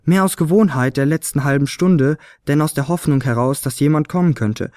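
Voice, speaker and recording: A man narrating a children's Christmas story in a lively, expressive reading. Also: a little high, fairly quick, no echo, studio quality.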